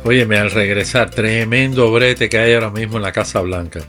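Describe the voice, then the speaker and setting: A man's voice: fairly low pitch, steady tone, brisk, fairly bright tone, faint music behind. A man giving opinionated news commentary on a radio morning show, speaking straight to listeners. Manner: emphatic, addresses listeners directly.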